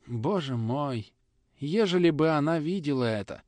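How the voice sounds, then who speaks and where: A man's voice: a little high, animated, measured pace, a little mellow, no echo, pitched above the performer's own voice. A man voicing a stern, imperious elderly countess grandmother who drawls her words. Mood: tearful. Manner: drawling, commanding.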